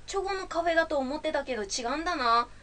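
A woman's voice: high voice, lively intonation, rapid-fire, bright, forceful tone. A young woman playing a chatty woman from Aomori, speaking in a thick Tsugaru dialect. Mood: playful.

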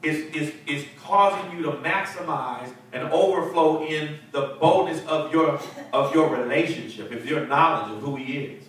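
Pastor preaching in an echoey hall. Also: male voice, a little high, normal speed, hardly any pauses, fairly bright tone. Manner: emphatic preaching, repeats words, calls for responses. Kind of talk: Bible study teaching. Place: church fellowship hall with seated group. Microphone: handheld mic, heard from a far camera. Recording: echoey hall from far off, faint hiss.

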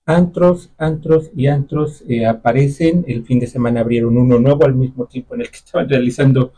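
A man with a Mexican accent, a radio co-host asking a measured interview question. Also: medium pitch, steady tone, dark tone, slightly rough, rough recording.

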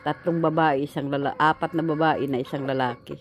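A woman with a Filipino accent chatting slowly and warmly to her pet chickens outdoors, coaxing them and laughing, recorded on a handheld phone. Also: deep voice, steady tone, a little hiss or hum. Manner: slow, chatty, laughing, coaxing baby talk. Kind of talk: casual chat to pets and camera. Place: outdoors on a patio lawn. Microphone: handheld phone pointed down.

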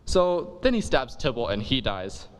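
Slangy laid-back dude in a reverberant hall. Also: male voice, medium pitch, lively intonation, moderate pace. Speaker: comic performer. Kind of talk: comic monologue retelling a play.

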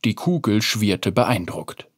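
A narrator reading a fantasy short story aloud in an expressive, scripted storytelling manner. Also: mid-range voice, slow, dry recording, clean studio sound.

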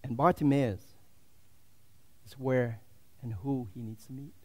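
Preaching at a measured pace, a man serving as pastor keeps a steady, medium-pitched tone while moving from booming, passionate statements to quiet, murmured remarks.

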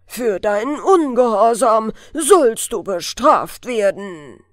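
A woman voicing a stern male fir-tree spirit, a little gnome grown huge, who scolds loudly and slowly in a storybook. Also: no room sound, studio quality. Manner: booming, scolding, slow and solemn.

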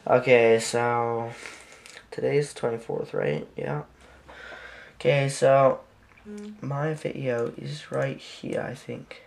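A man's voice: mid-range voice, fairly even intonation, slow, gravelly, long pauses, darkish tone. A man who is sick, chatting casually in a vlog as he edits videos, rambling with lots of fillers and correcting himself. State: sick, with a sickly voice. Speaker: vlogger. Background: faint music playing.

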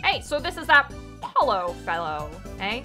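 A woman voicing a folksy middle-aged male noodle vendor, reading game dialogue in a slow, drawling, chummy manner. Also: on the high side, big pitch swings, bright, forceful tone, soft background music.

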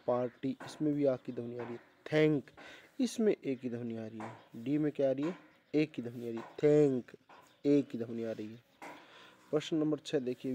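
A man's voice: mid-range voice, mellow, a little hiss or hum. A male teacher going through an exam paper, repeating questions back to his students and spelling words out letter by letter. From India.

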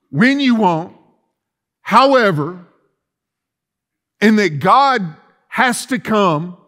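A middle-aged pastor with a high-pitched, fairly bright voice preaches a sermon in a church sanctuary of empty chairs. He is emphatic, leaning heavily on rhetorical questions and repetition.

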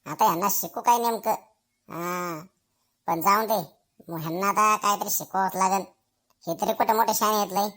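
A woman's voice: medium pitch, fairly even intonation, moderate pace, long pauses, fairly bright tone, pitched below the performer's own voice, lightly acted. Woman doing a brash, boastful schoolboy. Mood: scheming. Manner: blustering, cheeky asides to himself. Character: brash boastful schoolboy made teacher for a day, male. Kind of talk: village comedy skit.

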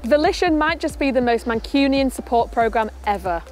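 A young woman, presenting to camera outdoors in a lively, chatty way. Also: fairly high pitch, brisk, loud music behind the voice. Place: outdoors, rooftop and cathedral garden.

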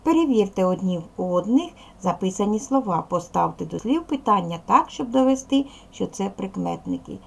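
A middle-aged woman teaching a primary class by video, her voice husky with a gravelly edge. She explains slowly and patiently, her pitch moving a lot as she asks the children questions. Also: big pitch swings, a little mellow. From Ukraine. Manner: slow, clear, patient explaining. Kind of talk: video lesson for young children.

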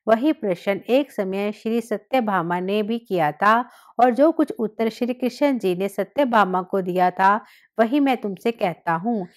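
Female narrator, mid-pitched, steady recitation of devotional scripture. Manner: steady recitation with occasional slips and restarts.

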